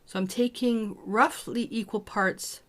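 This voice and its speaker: A woman's voice: fairly high pitch, fairly even intonation, a little slow, fairly bright tone. A woman walking viewers through a small mixed-media art project, chatting as she works. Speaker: art teacher. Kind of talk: casual craft tutorial.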